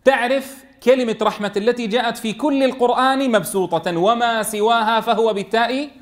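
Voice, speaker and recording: A man teaching a tajweed lesson, asking questions and answering them himself, and chanting verse lines slowly. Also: very high-pitched, fairly even intonation. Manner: explains by asking and answering his own questions. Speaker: Quran teacher.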